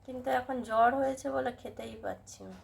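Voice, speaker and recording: A woman's voice: a little high, brisk, vocal fry. A woman in her thirties with a Bengali accent and a cold, chatting casually in a home vlog and cooing at her pet rabbit. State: stuffy with a cold. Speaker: vlogger. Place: home room. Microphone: handheld phone. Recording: noisy home recording.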